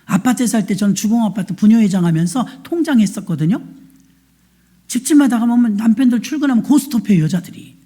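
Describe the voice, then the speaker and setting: Animated husky woman pastor preaching. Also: on the high side, brisk. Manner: animated storytelling, acting out quoted voices; plain-spoken, colloquial. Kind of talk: sermon with storytelling. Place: church.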